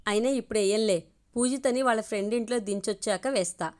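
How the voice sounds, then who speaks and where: A woman's voice: on the high side, quick pace, darkish tone, natural voice. A woman voicing a young man who grumbles and jokes at his younger cousin in a spoken audio story. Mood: grumbling.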